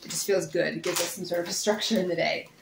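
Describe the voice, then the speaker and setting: Chatty homeschooling mom vlogging. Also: female voice, on the low side, fairly even intonation, fast talker, vocal fry, background noise. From Nova Scotia, Canada. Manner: chatty, easygoing. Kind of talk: casual vlog narration.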